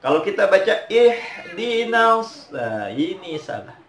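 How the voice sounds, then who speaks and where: A man with an Indonesian accent teaching Quran recitation, chanting verses slowly and explaining mistakes. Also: a little high, expressive, a bit bright. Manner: slow, drawn-out chanting of verses between quick explanations. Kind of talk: step-by-step recitation lesson. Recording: roomy echo.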